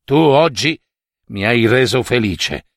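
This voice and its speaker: Man voicing a solemn mighty god, grave and measured, slow deliberate delivery, dry close sound. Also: mid-range voice, lively intonation, dry recording, voice pushed down. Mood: grave warning. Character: solemn mighty male god granting a wish.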